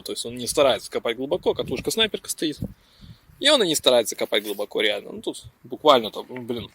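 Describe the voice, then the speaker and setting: A man chatting excitedly and haltingly for a casual outdoor vlog, swearing in slang, with strong wind blowing on the mic. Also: medium pitch. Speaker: metal detecting vlogger. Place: outdoors in a windy open field.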